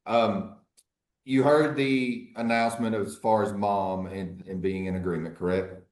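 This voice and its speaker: A man speaking as an attorney in a courtroom recording, formally questioning a witness in a measured, halting way. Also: lowish voice, steady tone, a little mellow, reverberant. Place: courtroom hearing.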